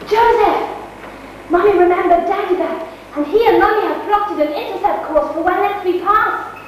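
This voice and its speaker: A woman's voice: very high-pitched, normal speed, slight background noise. A woman playing a bossy daughter who hatches plans in an amateur stage play. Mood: scheming. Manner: bossy, plotting. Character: scheming bossy young daughter. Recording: far-off mic in echoey hall.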